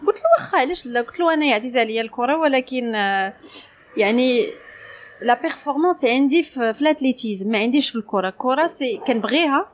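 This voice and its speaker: A woman with a Moroccan Arabic accent, a sports journalist appearing as an interview guest, tells her story casually and slips French phrases into her speech. Her voice is high-pitched, animated, and very fast, with a little hiss or hum on the recording.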